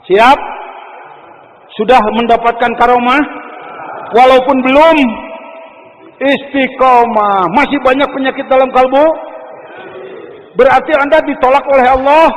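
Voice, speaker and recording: Older male preacher, high voice, teasing, swings loud to soft, long hall echo. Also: fairly even intonation, unhurried, pauses often. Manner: wide swings from loud exclamations to low murmurs, teasing the audience. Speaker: Islamic preacher. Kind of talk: sermon.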